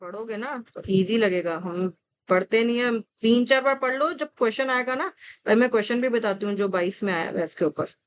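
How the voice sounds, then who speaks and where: A woman teaching an exam-prep vocabulary lesson, reading word lists slowly with coaxing asides to students. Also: on the high side, smooth.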